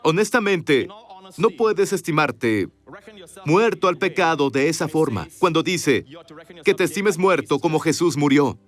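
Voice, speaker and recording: A man's voice: on the high side, expressive, measured pace, faint music behind. A man giving a dubbed sermon voice-over, preaching emphatically and asking the congregation rhetorical questions, recorded in a voice-over studio.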